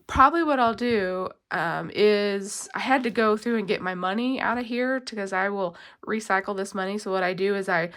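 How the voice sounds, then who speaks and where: A budgeting vlogger with a medium-pitched, slightly bright voice chats casually as she counts cash. She rambles with plenty of fillers, sounding congested from a cold and coughing.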